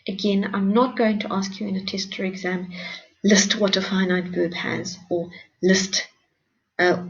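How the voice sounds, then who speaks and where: Patient woman teacher, gravelly voice. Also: mid-range voice, flat delivery, a little slow. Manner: patient, encouraging, explains step by step. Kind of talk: recorded grammar lesson. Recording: dull lo-fi recording.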